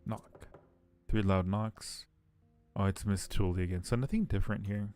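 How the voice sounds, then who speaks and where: With soft music in the background, a man casually streams a point-and-click game, voicing his thoughts as he plays and reading the on-screen text aloud for his audience. His voice is warm and fairly low, at a moderate pace.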